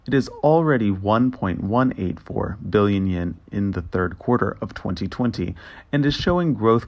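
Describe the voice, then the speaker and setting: Low, gravelly male business narrator. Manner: formal, measured reading of figures. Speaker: interpreter voice-over narrator. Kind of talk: scripted financial narration.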